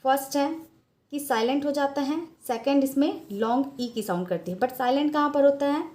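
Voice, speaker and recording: A woman's voice: high-pitched, moderate pace, darkish tone. A woman with an Indian accent teaching a phonics lesson, patiently explaining and spelling out letters one by one. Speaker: English teacher.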